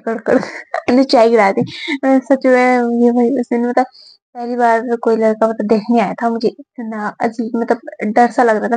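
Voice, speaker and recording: A woman in her twenties tells a story straight to the camera, chatty, with frequent giggles and filler words. Her voice sits a little high, and the sound is dry and close with no room echo. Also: mellow. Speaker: vlogger.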